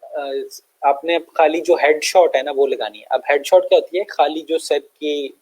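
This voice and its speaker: A young man with a Pakistani Urdu accent explaining step by step in a screen-share tutorial, relaxed and full of fillers and check-ins. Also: on the high side, normal speed, slightly rough, poor audio. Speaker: online tutor.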